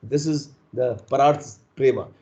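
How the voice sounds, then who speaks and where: A man's voice: mid-range voice, measured pace, mellow. A man with an Indian accent speaking as a spiritual teacher at a satsang, earnestly explaining and checking in with listeners through rhetorical questions. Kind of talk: devotional discourse to a congregation. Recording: dull, muffled lo-fi sound.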